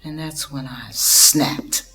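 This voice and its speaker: An actress playing an anguished grown daughter in a dramatic monologue, confessing in hushed, halting, tragic sorrow. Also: female voice, a bass voice, faint music behind, exaggerated voice. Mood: sorrowful, hushed.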